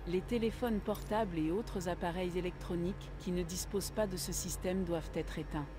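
A woman reading a scripted passenger safety announcement in an even, formal manner, heard over the aircraft intercom. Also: lowish voice, normal speed, background noise.

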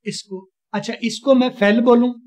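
A man's voice: extremely high pitch, steady tone, moderate pace, a little mellow. A man from Pakistan teaching a spoken English class online, patiently quizzing a student with repeated questions.

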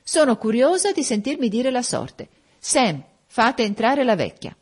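A woman's voice: lowish voice, animated, a little fast, a little mellow. A woman reading an audiobook voicing a haughty, commanding young noblewoman. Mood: imperious. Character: imperious proud young noblewoman.

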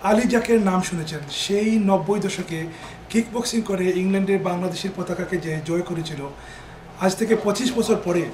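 A man presenting a community TV feature, talking fast and with energy. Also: high voice, darkish tone, reverberant, a little hiss or hum, low-quality recording. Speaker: community TV reporter.

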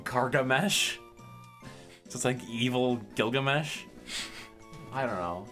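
A young man trading teasing, quick comebacks while co-streaming a video game. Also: mid-range voice, pushed and bright, faint music behind. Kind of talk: casual let's play banter.

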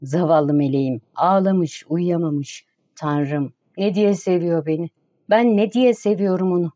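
An idle, gentle young gentleman speaks softly and plaintively, as a woman narrator reads him. The voice sits low and mellow. It is an audiobook figure with little change from the reader's own voice. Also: a little slow, close to an everyday voice. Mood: lamenting.

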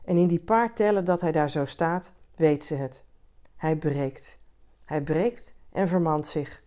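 A woman reads a literary short story aloud in a calm and measured manner. Her voice is slightly low, and the pace stays steady and even. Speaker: reader.

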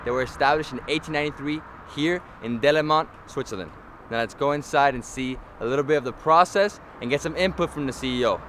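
A man's voice: mid-range voice, fast, fairly bright tone, a little hiss or hum. A young man presenting a travel vlog on a factory visit, talking upbeat to the camera. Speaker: travel vlogger. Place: outdoors at a factory, then a factory floor. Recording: music playing under the voice.

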